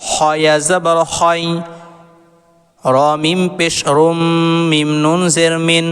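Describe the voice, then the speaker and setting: A man with a Bangladeshi Bengali accent guides beginners through Quran reading in a slow, steady chant. His voice is smooth and resonant, kept fairly flat in pitch, and it rings with long reverb over faint background music. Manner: slow, drawn-out melodic chanting of Arabic syllables. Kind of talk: recitation lesson, spelling and chanting words.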